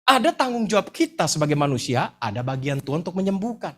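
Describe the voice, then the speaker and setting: A middle-aged man preaching a lively, humorous sermon, joking and telling stories in slangy speech. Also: fairly high pitch, quick pace. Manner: animated, joking, slangy storyteller. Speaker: pastor.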